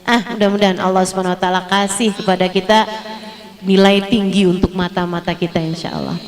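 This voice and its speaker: A woman preacher giving a lively sermon, telling stories and mimicking the voices of others. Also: medium pitch, fairly quick.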